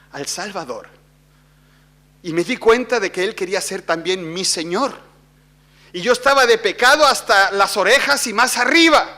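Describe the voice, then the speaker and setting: A man preaching a sermon, asking the congregation questions and swinging between hushed storytelling and loud emphasis. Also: fairly high pitch. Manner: asks the congregation rhetorical questions. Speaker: pastor.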